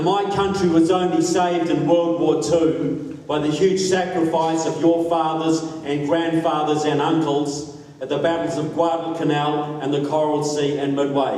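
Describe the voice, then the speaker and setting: A man's voice: on the high side, flat delivery, moderate pace, mellow. A man with a New Zealand accent giving a political talk to a live audience, folksy and joking with the crowd. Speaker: guest speaker. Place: large hall. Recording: echoey hall, distant mic, faint noise.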